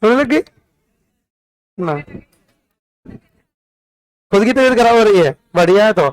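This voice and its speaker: Chatty high-voiced teacher with a lilt. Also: male voice, expressive, unhurried, poor audio. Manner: chatty, teasing, joking with pupils. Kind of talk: classroom history lesson. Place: classroom.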